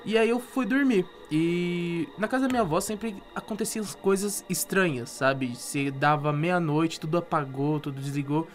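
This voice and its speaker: A man's voice: on the high side, faint music behind. Young Brazilian man telling a ghost story. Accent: Brazilian Portuguese. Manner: halting, with frequent restarts. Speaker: interview guest. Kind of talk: casual storytelling.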